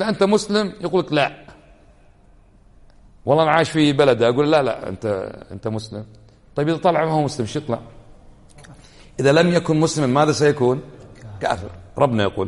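A man delivers a religious lesson at a quick clip. He argues his points through pointed rhetorical questions. His voice rings with a long hall reverb. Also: mid-range voice, a little mellow. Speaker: Islamic scholar.

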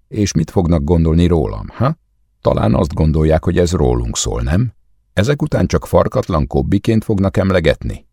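A man with a very deep, husky voice voicing a jealous young man who accuses and rants angrily in an audiobook. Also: warm tone, dry recording, clean studio sound, heavily acted. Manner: angry, accusing, raised voice.

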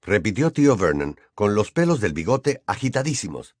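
A male narrator reading a novel aloud with lively, swooping intonation. His voice sits at a middle pitch and is recorded close and dry, with no room sound. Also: moderate pace, dry recording. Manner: expressive storytelling. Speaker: audiobook narrator. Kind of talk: scripted narration.

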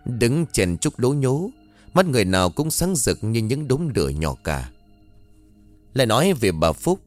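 A man narrating a scripted horror story in a dramatic, expressive way, close to the mic. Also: fairly low pitch, no room sound.

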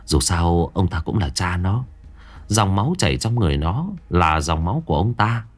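Man reading a ghost story, lowish voice, lively delivery, faint music under it. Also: moderate pace. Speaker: narrator. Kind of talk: scripted ghost story narration.

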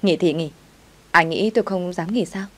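Hot-tempered young woman dishwasher, low-voiced, read by a woman. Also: normal speed, natural voice. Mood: defiant. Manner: defiant.

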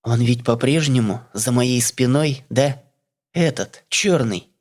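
A man's voice: mid-range voice, slow pace, darkish tone, lightly acted. A man doing a blunt, determined young woman. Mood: eager. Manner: direct, pressing questions.

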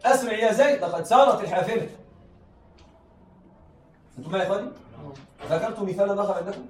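A man teaches a class at a brisk clip, repeating key phrases and asking again and again whether his students follow. His fairly high voice reaches the mic from a distance. The echoey room carries a faint hiss. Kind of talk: classroom lesson on Arabic rhetoric.

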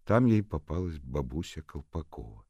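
A man narrating an audiobook with expressive reading. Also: very deep voice, normal speed, creaky, slightly rough, no room sound, lo-fi sound.

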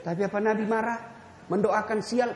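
A man preaching a lively sermon, firing rhetorical questions at the audience and joking. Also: high-pitched, brisk, background noise. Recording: echoey hall reverb.

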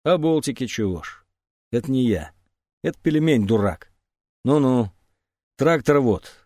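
A man's voice: medium pitch, lively intonation, measured pace, a little mellow, dry recording, natural voice. A suspicious middle-aged man from an audiobook, dry and probing as he quizzes a boy. A man voices him close to his own tone. The sound is close and dead, with no room.

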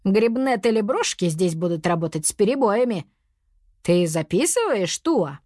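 Сказочный персонаж: женщина озвучивает ворчливого наставника-мужчину, поучает, интонация подвижная, запись сухая. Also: female voice, medium pitch, sing-song, moderate pace, a little mellow, no room sound, studio quality. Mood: lecturing. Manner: lecturing, grumbling. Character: fussy preachy male mentor, grumbling. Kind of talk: storybook character voice.

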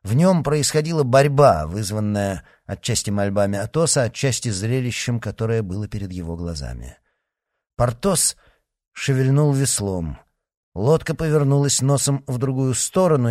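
A man narrating an audiobook with an expressive, dramatic reading. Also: medium pitch, no echo, studio quality. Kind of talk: scripted narration.

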